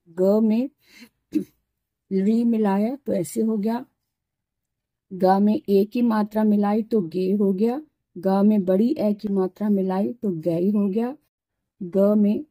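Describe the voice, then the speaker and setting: A woman's voice: mid-range voice, dark tone, no room sound. A woman teaching a Hindi alphabet lesson patiently, sounding out syllables one at a time and explaining each step. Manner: explains while writing, pointing at letters.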